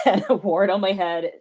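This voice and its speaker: A woman with a Tennessee accent and a mid-range, slightly mellow voice chats casually while streaming balloon twisting. She's playful and often pokes fun at herself.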